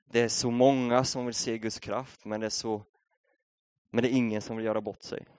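A man's voice: medium pitch, flat delivery, a little mellow, clean tone, dry recording, studio quality. A young Swedish man preaching a sermon, telling a story in a casual, conversational way before building up to a rousing appeal. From Sweden.

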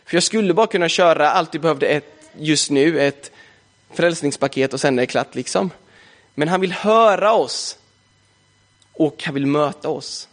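A young man preaching a sermon in a casual, chatty way, often adding "liksom" as a filler. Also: fairly high pitch.

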